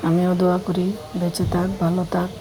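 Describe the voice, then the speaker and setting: Middle-aged lady vlogging, bit hoarse, flat easy voice, just chatting along. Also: fairly low pitch, a little fast, rough recording. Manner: easygoing, rambling, warm well-wishing to viewers. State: hoarse at night. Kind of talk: casual vlog narration.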